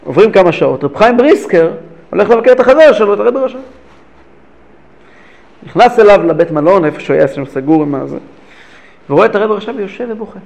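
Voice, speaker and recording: High, gravelly male teacher telling stories. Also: pauses often. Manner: animated, repeating phrases for emphasis. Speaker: rabbi teacher. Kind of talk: lesson storytelling.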